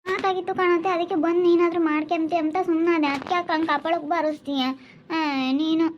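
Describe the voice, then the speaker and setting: Casting: high fast-talking woman, dull lo-fi sound. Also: flat delivery, slight background noise. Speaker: young wife in a family drama. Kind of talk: home-made village drama acting.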